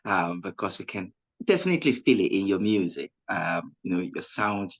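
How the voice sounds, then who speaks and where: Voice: sits low, very animated, moderate pace. A radio interviewer asking questions in an encouraging way, with many "you know" fillers.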